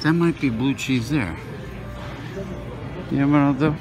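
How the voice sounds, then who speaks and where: A food vlogger narrates casually while filming himself on a handheld phone at a buffet, wondering aloud about the food with many fillers as he walks. His medium-pitched voice is unhurried, with music playing behind him.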